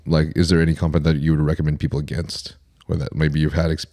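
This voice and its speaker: A man's voice: rumbling low, flat delivery, quick pace, darkish tone. A man hosting a podcast interview, asking his guest questions tentatively with plenty of fillers. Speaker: podcast host.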